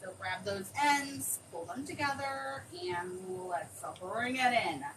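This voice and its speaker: A woman demonstrating a craft on a live stream, chatting excitably and thinking aloud as she works. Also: a little high, slow. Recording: distant mic with clear background noise.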